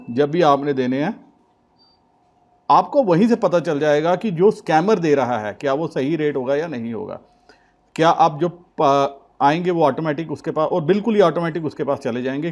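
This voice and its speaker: A man hosts a casual advice vlog in an earnest, pleading tone, repeating each warning several times as he talks straight to his viewers. His voice sits somewhat high for a man. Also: a little mellow. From India. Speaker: crypto channel host.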